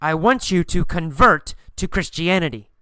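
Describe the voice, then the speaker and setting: Man reads pushy male street preacher, insistent questioner, smooth and crisp. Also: a little high, expressive, moderate pace, bright, forceful tone, no room sound.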